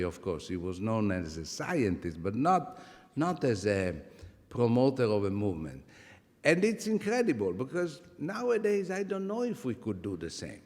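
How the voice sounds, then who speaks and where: A man in his seventies with an Italian accent, giving a conference talk with lively, humorous asides and halting restarts. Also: lowish voice. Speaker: conference speaker. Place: large conference hall. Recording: long reverb from conference hall.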